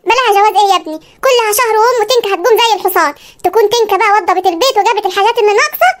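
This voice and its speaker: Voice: very high voice, expressive, rapid-fire, a bit bright. Someone doing a stubborn Egyptian cartoon father. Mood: commanding. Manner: commanding, stubborn. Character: stubborn older Upper Egyptian father, domineering.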